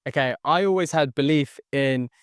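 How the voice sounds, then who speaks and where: A young sales entrepreneur, born near London and raised in the Philippines, with Tagalog as his first language, earnestly tells his life story as a podcast guest. He repeats phrases and often says "okay." His slightly high voice is smooth and at normal speed, captured with studio quality and no echo.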